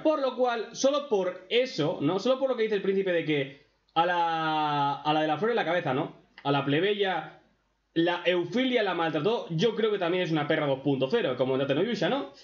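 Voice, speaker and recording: A man with an accent from Spain, doing crude, sarcastic reaction commentary as a streamer. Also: sits high. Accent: Spain Spanish. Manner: foul-mouthed, sarcastic, mocking. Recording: echoey room, dull lo-fi sound.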